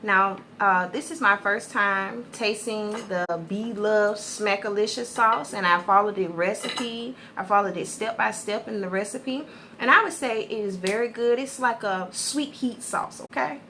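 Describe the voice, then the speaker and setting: A young woman hosting a casual eating-show video, chatting in a friendly way and pausing with fillers as she describes the food. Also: mid-range voice, sharp tone, a little hiss or hum. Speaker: mukbang vlogger host.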